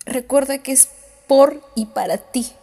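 A woman's voice: high voice, a little slow, warm tone, slightly rough. A woman podcast host, crying as she speaks, giving a heartfelt motivational monologue with repeated self-affirming phrases. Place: on the way home.

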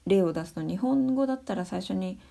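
A young adult woman giving her views in a casual spoken monologue, soft and thinking aloud with many fillers. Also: medium pitch, lively intonation, a little fast, vocal fry. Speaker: speaker sharing views on education.

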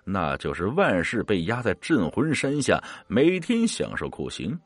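Bottle ghost craving blood, coaxing and menacing, a man puts it on; swooping delivery, low-ish. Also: huge pitch swings, a little slow, breathy edge, dry recording, exaggerated voice.

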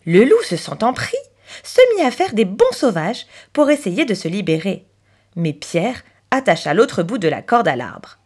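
A woman narrating a children's story in an expressive, animated storybook manner. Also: medium pitch, measured pace, breathy edge.

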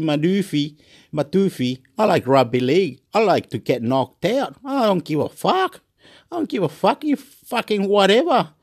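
A man from Chile, vlogging in a rambling, repetitive rant full of swearing. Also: high voice. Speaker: YouTube vlogger.

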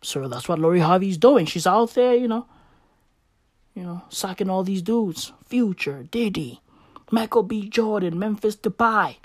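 A woman on a profane comedic rant with frat-bro slang, swinging between shouts and low asides and often checking in with short tag words. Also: animated, measured pace, no echo, clean studio sound. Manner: frat-bro slang delivery, repeated "bruv", "right?" and "legit".

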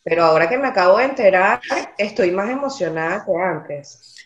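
A woman co-hosting a podcast over a video call, excitable and teasing. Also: medium pitch, moderate pace. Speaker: podcast co-host. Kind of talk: casual podcast chat. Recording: roomy, dull video-call audio.

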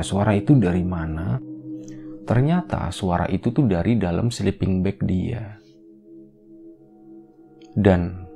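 Deep gravelly man telling a spooky story. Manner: relaxed, rambling, conversational retelling. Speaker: podcast storyteller. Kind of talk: casual horror storytelling.

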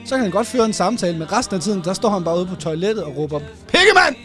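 A man co-hosting a casual chat, telling an animated story with plenty of laughs. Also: sits high, soft background music. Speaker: podcast co-host.

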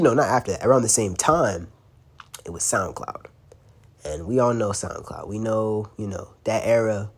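A young male podcast host, stuffed up with a cold, rambles on his own in a loose, slangy style, swearing freely and laughing at times. The voice is fairly low in pitch, a bit mellow, and husky.

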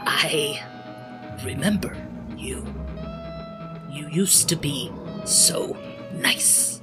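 A man voicing a menacing, blood-drenched huntress in a raspy, breathy, slow old-hag croak for a tabletop game. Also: on the high side, expressive, over loud music. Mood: haunted, slow. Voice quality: raspy, breathy near-whisper. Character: menacing blood-drenched woman, crossbow-wielding hunter, hag-like. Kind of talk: in-character tabletop role-play.

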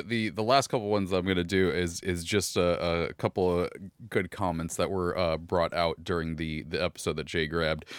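Male podcast host, casual and chatty, halting with fillers; dry, close-miked. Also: low voice, a bit bright, clear, resonant tone, no room sound. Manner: laughs often, hesitant fillers.

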